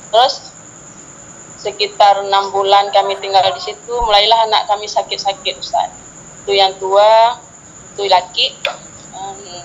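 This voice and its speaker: Middle-aged woman, earnest testimony, dull lo-fi sound with faint hiss. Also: mid-range voice. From Aceh, Indonesia. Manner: earnest, addresses the host as Ustaz constantly, many fillers. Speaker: guest telling a personal testimony. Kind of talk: earnest storytelling.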